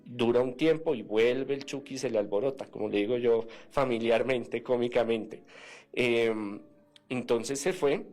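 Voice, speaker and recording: A man's voice: medium pitch, measured pace, a little mellow, soft background music. A man, a former seminarian, telling a story as a radio interview guest, acting out the dialogue with many hesitant fillers.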